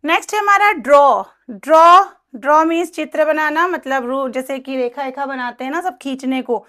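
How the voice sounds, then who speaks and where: Woman, bright high voice, patient teacher repeating words for pronunciation. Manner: mixes Hindi and English, repeats each verb form slowly; careful pronunciation drills. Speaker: English teacher. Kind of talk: spoken grammar lesson.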